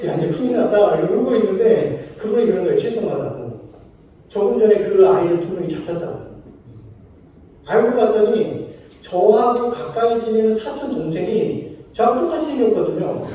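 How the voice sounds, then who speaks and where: Man, pastor, sermon, questions to the congregation, mellow, distant roomy church sound. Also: high voice, slight background noise. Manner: storytelling, asks congregation questions. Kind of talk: sermon with personal story. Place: church sanctuary. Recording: roomy hall, from far off.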